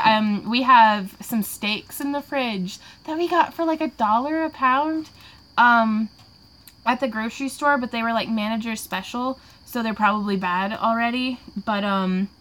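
A woman's voice: on the high side, moderate pace, fairly bright tone. A woman, chatting and laughing a lot while crafting on a live Q&A, a little tipsy. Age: 20s. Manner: giggly and rambling, laughs often. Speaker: craft vlogger hosting a live Q&A. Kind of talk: casual livestream chat while crafting.

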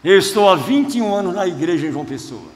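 A male pastor preaching a sermon, telling stories from his own life and swinging between hushed tones and rousing shouts. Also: sits high, very animated, fast. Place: large church hall. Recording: long hall reverb, faint noise.

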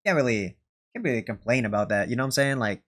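A reaction streamer in his twenties gives casual, slangy commentary from a small indoor bedroom setup, exclaiming and repeating himself. His mid-range voice has lively intonation and a quick pace, with loud game trailer music from the videos he plays.

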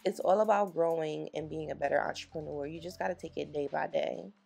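A woman nail technician, raspy from just waking up, chatting casually and encouragingly to viewers as she explains her work. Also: low-pitched, fairly even intonation, fairly quick, mellow, soft background music. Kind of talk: casual tutorial voice-over.

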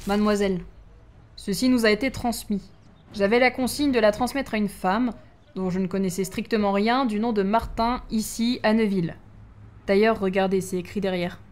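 A woman's voice: medium pitch, steady tone, normal speed, a little mellow, natural voice. A woman voicing a formal, courteous elderly man, a retired firefighter in his eighties, in a read-aloud story.

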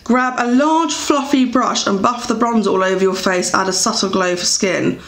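A woman's voice: medium pitch, moderate pace, fairly bright tone. A young English woman chatting casually while reviewing beauty products, with lots of fillers and self-corrections. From England. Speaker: beauty vlogger. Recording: echoey room.

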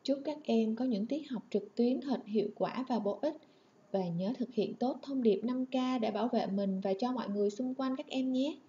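Mellow-voiced woman teaching children. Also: a little high, normal speed, muffled recording. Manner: warm, clear and instructive, addressing children. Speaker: primary school teacher. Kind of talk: online lesson narration.

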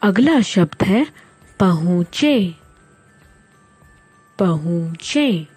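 A woman teacher dictates words to young children at a very slow, deliberate pace, sounding each one out piece by piece. Her voice is warm and mellow, recorded close in a dry space. Soft music plays faintly underneath. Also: on the low side, expressive, slightly rough, no room sound. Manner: patient, repeats words and spells them out sound by sound.

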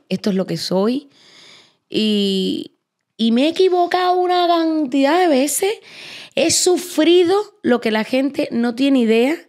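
A woman's voice: fairly high pitch, darkish tone. A middle-aged woman from Cuba hosting a podcast in casual chat, speaking emphatically and repeating words for weight. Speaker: podcast host.

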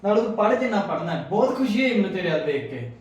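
An actor playing a kind grown son who calmly defends a maid's daughter and reassures her. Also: high voice, rapid-fire. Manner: calm, soothing, gently pleading. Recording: echoey room, voice from a distance.

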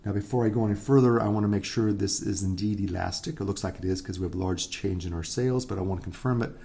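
Talking fast in a fairly low, creaky, mellow voice, an economics instructor delivers a recorded lecture. He solves problems one step at a time and keeps asking "right?".

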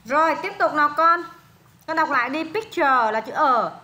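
High bright Vietnamese woman tutoring. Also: reverberant. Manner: patient, repeats words slowly and prompts the student. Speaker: English tutor. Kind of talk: one-on-one pronunciation tutoring.

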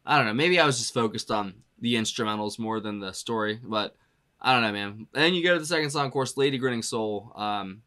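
A man's voice: fairly low pitch, a little fast, pushed and bright. A man talking loosely through a casual music reaction as a drummer, filling his speech with "you know" and "like" and laughing often as he goes.

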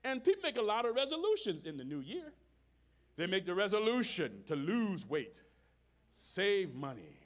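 A man preaching to his congregation, his voice sitting high for a man and swinging widely up and down. He talks plainly to the room, calls out to the people in front of him, and drives his points home by repeating phrases in a steady rhythm. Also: normal speed. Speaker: pastor. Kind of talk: sermon. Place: church sanctuary, live service.

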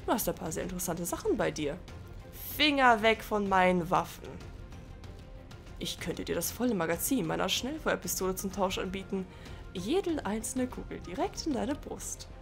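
A woman voicing a sly, smooth-talking male traveling merchant in a video game, feigning innocence. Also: mid-range voice, animated, moderate pace, faint music behind.

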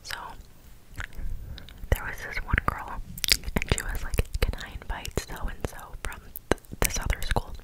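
A woman's voice: unhurried, long pauses, low-quality recording. A woman in her twenties whispering breathily through cupped hands close to the microphone, telling a casual, rambling ASMR story. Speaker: ASMR video creator. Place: small bedroom, indoors. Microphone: close desktop condenser microphone.

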